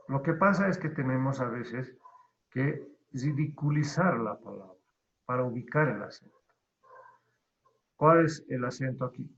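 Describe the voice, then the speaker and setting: A man teaching an online class, explaining slowly step by step, his voice trailing off at the end of phrases. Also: medium pitch. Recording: dull lo-fi audio.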